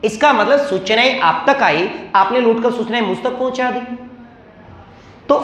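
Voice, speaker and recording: A man's voice: very high voice, a bit bright, echoey room. A male teacher giving a classroom lecture, asking questions and answering them himself.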